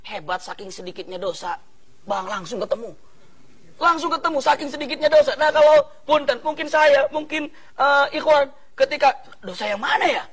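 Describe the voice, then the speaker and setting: A male preacher telling a sermon story in an animated, emotive way. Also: very high-pitched, normal speed. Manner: animated, emotive, laughs with audience. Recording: loud background music.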